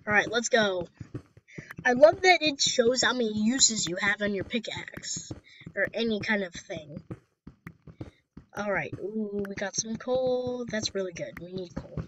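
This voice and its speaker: A young woman chatting casually as she plays through a video game, giggly and quick to burst into dramatic outbursts. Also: mid-range voice, animated, fairly bright tone, dull audio, a little hiss or hum. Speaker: gaming YouTuber. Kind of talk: casual let's-play commentary.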